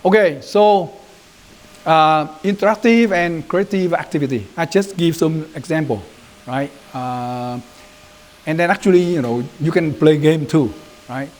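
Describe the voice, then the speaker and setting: A man's voice: on the high side, a little slow. A man with a Vietnamese accent giving an informal training lecture as a Buddhist youth leader, talking loosely and often checking in with "right?". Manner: loose and conversational, mixing in Vietnamese phrases, frequent "right?" check-ins.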